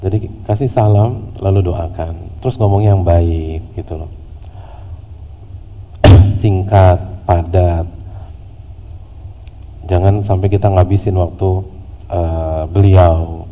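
A man teaching a religious study class in a relaxed, conversational way, with humorous slang asides. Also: deep voice, slow, pauses often. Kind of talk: casual religious study lecture. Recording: lo-fi audio in a reverberant hall with faint noise.

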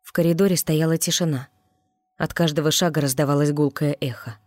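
An audiobook narrator reading fantasy prose in a measured, descriptive way at a middle pitch. The voice sits close to the microphone in a completely dry space. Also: fairly even intonation, a little mellow, no room sound.

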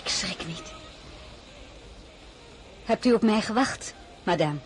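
With a mid-range, expressive voice, the lead actress of a radio drama narrates in the first person as a proud, candid young royal woman. She takes her time and speaks formally and with restraint, sounding guarded and resolute over slight background noise.

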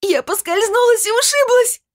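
A man's voice: very high-pitched, lively intonation, normal speed, pitched above the performer's own voice. A narrator voicing a young woman in panic who screams and sobs as she learns she is a ghost. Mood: hysterical. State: screaming and sobbing.

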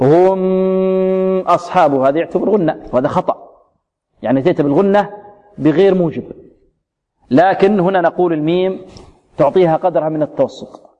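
A male teacher giving a Quran recitation lesson, explaining how letters are pronounced and demonstrating words slowly and repeatedly. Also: fairly high pitch, mellow, big-room sound, muffled recording.

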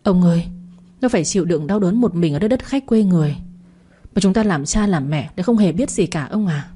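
A woman's voice: lowish voice, expressive, a little fast, mellow, slightly rough. A woman voicing a worried, weeping middle-aged mother in a narrated audio story. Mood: tearful. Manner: tearful, pleading.

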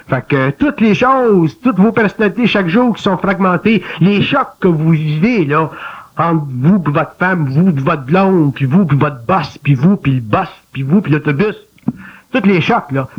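A man with a Québécois accent speaking in a colloquial, animated way in an interview, mimicking inner voices. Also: high voice, slightly rough. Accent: Québécois French. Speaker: guest speaker. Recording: dull lo-fi archival recording.

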